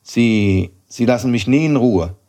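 A shy schoolboy in a storybook reading, answering quietly, earnestly and a little hesitantly, as a male narrator voices him. His replies are short and subdued. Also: mid-range voice, measured pace, close to an everyday voice. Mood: timid. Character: shy timid young schoolboy. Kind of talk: audiobook reading.

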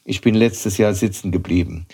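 A shy schoolboy in a storybook reading, answering quietly, earnestly and a little hesitantly, as a male narrator voices him. His replies are short and subdued. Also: deep voice, moderate pace, slightly rough. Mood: timid. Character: shy timid young schoolboy. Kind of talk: audiobook reading.

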